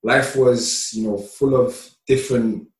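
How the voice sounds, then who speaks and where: A man from Somalia, a podcast guest, telling stories from his childhood in a relaxed, chatty way with lots of laughter and fillers. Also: medium pitch, unhurried. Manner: relaxed, laughs often, many "you know" fillers. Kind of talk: casual storytelling. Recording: roomy, distant mic.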